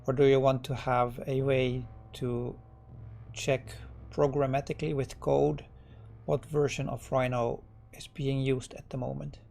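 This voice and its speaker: This Dutch-accented, middle-aged man from the Netherlands talks through his code live on stream, thinking out loud in a loose, stop-start way with lots of fillers and restarts. His voice sits in the mid range and has a gravelly texture.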